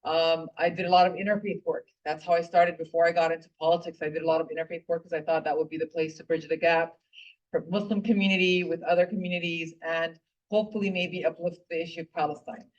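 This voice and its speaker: A woman's voice: fairly low pitch, fairly even intonation, fast. A middle-aged woman giving a heartfelt, impassioned personal speech at a political club meeting, speaking earnestly with frequent fillers and restarts. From Puerto Rico. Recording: distant, dull lo-fi room recording.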